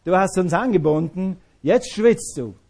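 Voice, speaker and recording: A preacher voicing a loud, emphatic apostle. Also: male voice, sits high, unhurried, voice pushed up. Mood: taunting. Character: male apostle, taunting or urging, bold.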